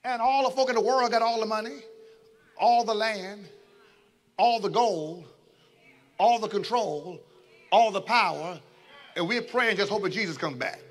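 Male bishop, sermon, very high voice, call-and-response. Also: unhurried, pauses often. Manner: call-and-response preaching, swinging from low asides to shouts. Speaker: bishop preaching.

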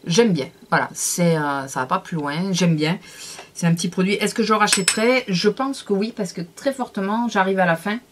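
A woman's voice: medium pitch, normal speed, a little hiss or hum. A woman giving a casual beauty product review, chatty and hesitant, with many fillers and self-corrections. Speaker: beauty vlogger.

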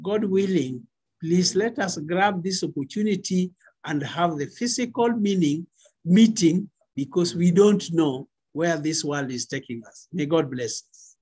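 A middle-aged Kenyan man with a husky voice, a pastor giving a deliberate, emphatic exhortation over a video call. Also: a little high, darkish tone. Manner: deliberate, emphatic phrasing with pauses. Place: small indoor room. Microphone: computer mic on video call.

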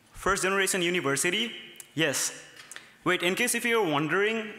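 A student speaker, young and from Nepal, stands at a podium reading a prepared speech from notes at a gala in a large ornate hotel ballroom. He sounds earnest, his fairly high voice bright and forceful, and the podium mics pick up the hall's long reverb.

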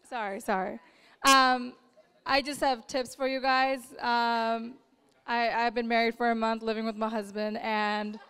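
A young woman gives an emotional wedding toast. Her voice is very clean and resonant, set a little high. She offers earnest advice to the couple in a warm-hearted, slightly teary way. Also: clean tone. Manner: heartfelt, advising, getting emotional. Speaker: friend giving a wedding toast.

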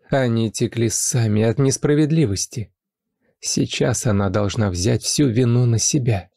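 A man narrating a scripted life story in a calm, even way, with a mellow, dry voice. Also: medium pitch, creaky, no room sound.

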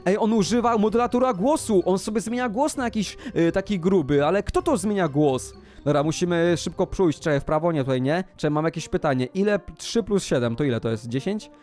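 A man hosting a gaming channel, giving excitable game commentary, gasping and shouting as he plays and talks to his pet dog. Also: fairly high pitch.

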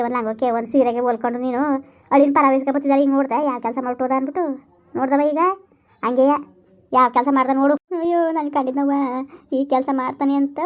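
A woman playing a loud, bitter village woman in a comedy skit, scolding and wailing. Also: high voice, highs cut off, lightly acted. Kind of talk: rural comedy skit acting.

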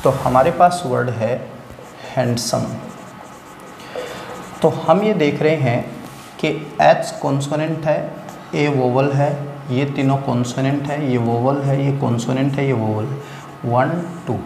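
A man's voice: mid-range voice, unhurried, vocal fry, pauses often, a little mellow. A man teaching English grammar in an exam-prep lecture, explaining step by step and often checking that students follow. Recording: echoey hall with faint hiss.

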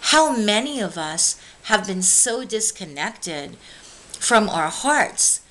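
A woman minister giving an earnest devotional message, pleading with listeners and slowing down on key words. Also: medium pitch, big pitch swings, sharp tone, rough recording. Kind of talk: devotional preaching.

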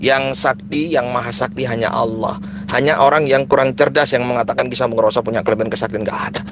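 A man's voice: mid-range voice, steady tone, fast. Man, live-stream host, casual chat, repeats phrases, car interior, noisy. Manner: chatty, prayerful, repeats phrases. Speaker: live-streaming spiritual healer vlogger. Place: car at night.

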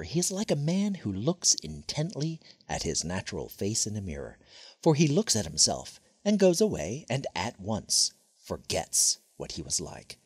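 A man preaching a scripted sermon in a solemn, emphatic voice that swells on key words and sinks low at the ends of phrases. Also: husky, no room sound, studio quality.

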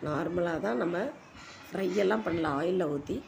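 A woman giving an informal recipe voice-over as a home cook, her voice hoarse and giving out. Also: fairly low pitch, normal speed, a little mellow. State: hoarse, voice giving out from a cold-weather strain. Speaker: home cooking video host. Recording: noisy home voice-over recording.

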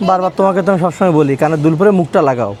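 A man's voice: sits high, a little mellow, a little hiss or hum. A man, vlogging at home as he teases his wife and talks aside to his viewers. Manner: teasing, quick, asides to viewers. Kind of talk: casual vlog, talking to camera and wife. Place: home, rooms and rooftop.

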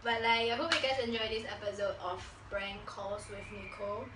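Speaking a little fast in a mid-range voice, this giggly young woman chats casually to camera and places prank calls. She's a young adult vlogger in a small living room. Her distant camera mic, set a few steps off, gives a roomy, noisy recording.

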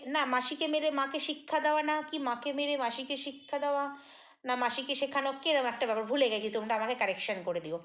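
Chatty woman vlogger with a higher voice. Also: a bit bright. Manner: chatty, critical, with many fillers and restarts. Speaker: vlogger commenting on other vloggers. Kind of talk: casual commentary monologue.

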